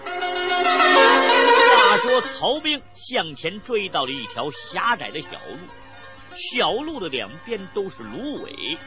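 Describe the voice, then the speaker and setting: Slow, lively woman storyteller. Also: medium pitch, dull audio, loud music behind the voice. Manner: dramatic, emphatic, with sound words. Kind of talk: traditional storytelling narration.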